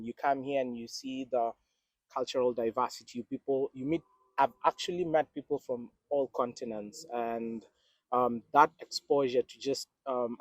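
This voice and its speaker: A man with a Kenyan accent, a doctoral student giving thoughtful, measured interview answers with many ums. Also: mid-range voice, dry recording.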